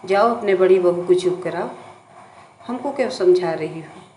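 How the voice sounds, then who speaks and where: A woman's voice: lowish voice, moderate pace, darkish tone, natural voice. A woman voicing a defiant, scornful younger daughter-in-law who talks back to her old mother-in-law, in a roomy echoing recording. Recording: roomy echo, faint background noise.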